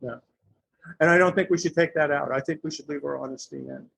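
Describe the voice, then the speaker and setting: A man's voice: fairly high pitch, huge pitch swings, fast, gravelly, fairly bright tone. A middle-aged or older man talking casually on a panel in a blunt, salty, joking way. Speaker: fire service podcast panelist.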